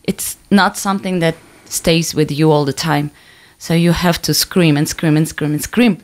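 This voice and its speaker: A young woman with a Ukrainian accent, a singer answering interview questions in halting English, often laughing. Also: low voice, fairly even intonation. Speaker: band singer, interview guest. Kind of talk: casual interview chat.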